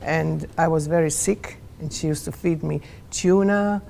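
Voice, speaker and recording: An elderly woman with a Maltese accent chats about her life in a casual, personal way. Her voice is lowish and mellow with a gravelly creak, over a faint low rumble. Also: unhurried. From Malta. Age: 80s. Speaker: club member.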